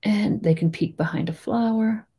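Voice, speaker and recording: A woman with a Boston accent giving a chatty, rambling step-by-step painting tutorial, full of gentle little asides. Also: medium pitch, moderate pace, husky. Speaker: painting teacher.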